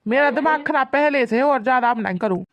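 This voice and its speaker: A woman's voice: sits high, fast, no echo, highs cut off. A woman voicing a grumbling, henpecked village husband who complains and threatens in rustic dialect in a cartoon. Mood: angry. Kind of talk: cartoon voice acting.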